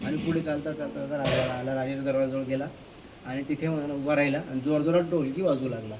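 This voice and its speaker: A male schoolteacher telling a story to children in a lively way, repeating his phrases as he goes. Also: mid-range voice, fast, a little hiss or hum. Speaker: teacher.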